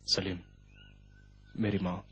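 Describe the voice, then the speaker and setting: A man's voice: deep voice, little pitch movement, slow pace, fairly bright tone, breathy edge, heavily acted. A man playing a devout, polite young man who reassures others as he leaves home, in a dubbed drama. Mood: reassuring.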